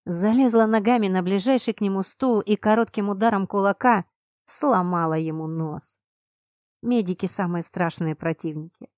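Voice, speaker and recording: A woman narrating a first-person fantasy audiobook in an expressive, emphatic manner on a close mic. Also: medium pitch, moderate pace, dry recording.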